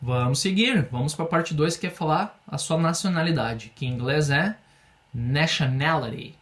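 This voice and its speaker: A man from Brazil teaching an online English lesson, patiently explaining and slowing down to model phrases for students. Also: on the high side, lively intonation, fairly bright tone.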